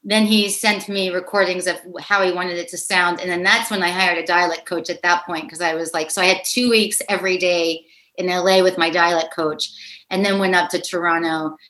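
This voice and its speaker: A middle-aged woman from Pittsburgh talking casually as an interview guest. Her voice is bright and clear, and she tells her stories with lots of laughter, slipping into quoted voices. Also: lowish voice, fairly even intonation, normal speed. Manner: chatty, laughs often, acts out quoted voices. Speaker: actress guest.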